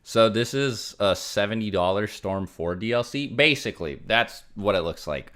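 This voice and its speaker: A man's voice: fairly low pitch, expressive, moderate pace, a bit bright. A young man streamer casually chatting and answering donations, rambling with lots of fillers. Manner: rambling, filler-heavy, frequent "like" and "um". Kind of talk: casual livestream chat reading donations.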